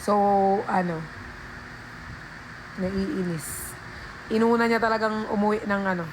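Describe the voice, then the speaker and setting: A woman's voice: medium pitch, steady tone, unhurried, background noise. A woman telling a rambling story on a casual livestream, talking into a phone and calling her viewers guys and be.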